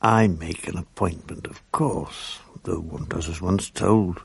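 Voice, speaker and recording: In a radio drama, a British actor in his fifties voices a weary, bereaved writer who can't sleep and has turned bitter, narrating his days with dry, self-mocking gloom. His low voice is gravelly and husky, delivered slowly as a full character voice with no echo.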